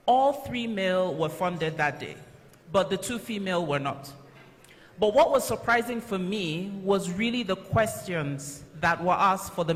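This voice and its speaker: A woman moderates a conference panel, addressing the room as its host. Her voice rings through a reverberant hall. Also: fairly low pitch.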